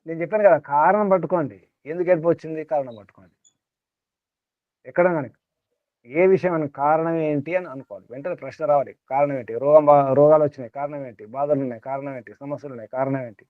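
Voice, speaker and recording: In a spiritual talk to a small group, a man with a fairly high voice speaks fast, repeating his points and asking rhetorical questions. The recording is tinny and phone-like, dry with no room sound.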